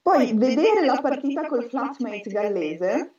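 A woman's voice: sits high, sing-song, takes it slowly, darkish tone. Echoey, distant-sounding woman hosting a chat. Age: 30s. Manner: jokey, chatty. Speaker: host reading listener contributions. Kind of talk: casual group chat. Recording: echoey, dull, distant mic.

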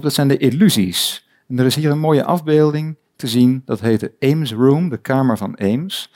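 A man in his forties giving a recorded lecture on psychiatry, calm and explanatory, telling stories to make his points. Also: medium pitch.

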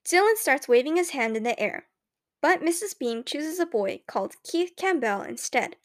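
High-voiced woman narrating an audiobook. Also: sing-song, moderate pace. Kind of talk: scripted first-person audiobook narration.

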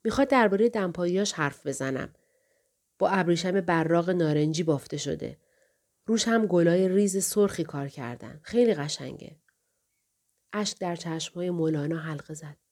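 A woman narrating a novel in the first person, calm and measured, voicing a young girl telling her own story. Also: fairly low pitch. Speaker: audiobook narrator.

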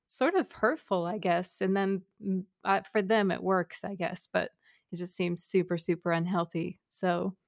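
A woman's voice: fairly low pitch, steady tone, unhurried, creaky, no room sound. A woman talking as a podcast guest in casual discussion, chatty and hesitant with many fillers. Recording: dry close mic.

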